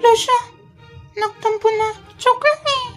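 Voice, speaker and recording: A woman voicing a sharp-tongued young woman chatting online, teasing and scolding a boy, with a Filipino accent. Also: extremely high pitch, fairly even intonation, measured pace, soft background music. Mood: mocking.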